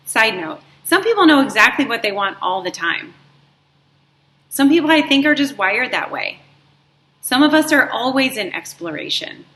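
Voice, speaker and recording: Bright-voiced woman coaching viewers. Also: a little high, sing-song. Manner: warm, encouraging, drawn-out emphasis on words. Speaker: life coach and show host. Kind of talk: motivational talk to viewers. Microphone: live stream setup.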